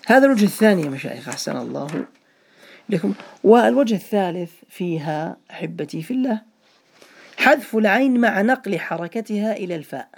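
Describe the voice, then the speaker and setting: A man's voice: high-pitched, animated, fast talker, gravelly. A man teaching an Arabic grammar class, questioning his students by name, repeating key points and blessing them after their answers. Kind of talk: classroom lesson.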